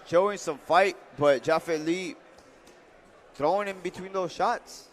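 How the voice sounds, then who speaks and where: Slightly high-voiced man calling boxing. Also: a little slow, slight background noise. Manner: repeats words, thinks aloud. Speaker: boxing commentator. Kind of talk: live conversational fight commentary.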